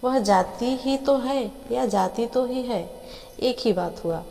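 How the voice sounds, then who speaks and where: A woman explains grammar at an unhurried, deliberate pace, patient and easy to follow. Her voice is mellow and soft-edged, with a middle pitch. The room rings with a long reverb. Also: gravelly, soft background music. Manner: slow patient explanation with homely examples. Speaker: English grammar teacher.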